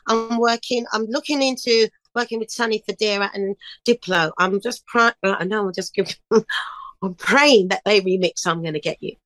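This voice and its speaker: A woman's voice: mid-range voice, moderate pace, fairly bright tone, rough recording. A middle-aged woman, a singer and DJ, chatting in an interview in a chirpy, upbeat way and telling stories with lots of energy. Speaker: singer and DJ guest. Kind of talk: casual interview chat.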